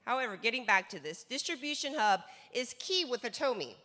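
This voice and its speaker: A little high and sing-song, with a sharp tone, the woman speaks fairly quickly. She is a North American business seminar speaker in her forties, pressing a sales lecture into a handheld mic on a large hall stage, stressing words through repetition and asking rhetorical questions; the recording carries long hall reverb.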